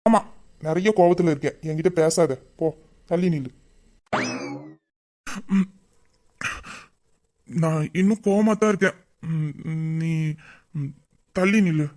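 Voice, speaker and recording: Brief: an actor voicing a grumbling, lovesick young man in a romantic audio drama, mid-pitched and mock-angry. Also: takes it slowly, pauses often, warm tone, lightly acted. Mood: sulky.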